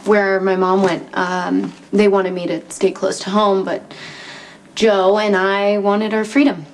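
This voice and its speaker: A woman's voice: medium pitch, level tone, a little slow, slight background noise, lightly acted, rough recording. An actress playing a nervous young woman on the run, speaking in an anxious, self-doubting way. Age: young adult. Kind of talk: daytime soap opera acting. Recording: soap scene with music bed.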